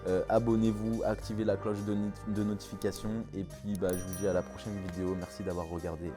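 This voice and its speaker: A man's voice: fairly low pitch, flat delivery, fast talker, over music. A man hosting his car detailing channel, answering viewer questions in a casual, hesitant way with many fillers and restarts. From France. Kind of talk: casual vlog Q&A.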